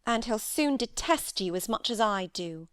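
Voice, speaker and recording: A reckless, sharp-tongued young lady, voiced by a woman narrator, pitched fairly high. She answers back boldly, swinging up and down in defiance, as in a classic novel reading. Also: lively intonation, normal speed, smooth, no echo, studio quality. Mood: reproachful, defiant. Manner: defiant, provoking.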